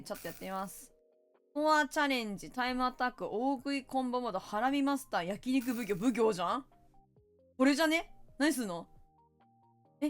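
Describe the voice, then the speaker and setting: A young woman streaming a game, chatting casually and getting excitable, her voice a bit rough. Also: high voice. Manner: excitable, shouts and laughs while playing. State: voice a bit rough, says it won't come out.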